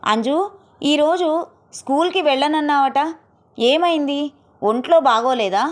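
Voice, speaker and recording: A woman voicing a remarried father who coaxes his daughter, gentle but hurried and awkward. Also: sits high, pitched above the performer's own voice. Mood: coaxing.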